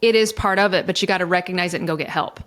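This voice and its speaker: A woman's voice: fairly low pitch, very fast, a bit bright. A middle-aged woman, a divorce coach, talking candidly and emotionally in a podcast interview, swearing freely as she goes. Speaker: divorce coach and mediator guest.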